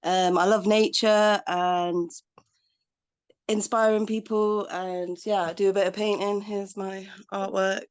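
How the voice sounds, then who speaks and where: A woman introducing herself on a video call in an enthusiastic, warm way, with light laughs. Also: mid-range voice, level tone, slow pace, clean tone. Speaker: participant.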